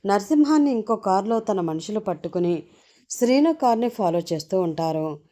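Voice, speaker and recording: A woman's voice: medium pitch, moderate pace. A woman hosting her channel and narrating a serialized story, expressively acting out its characters. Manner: expressive, switches voices for characters.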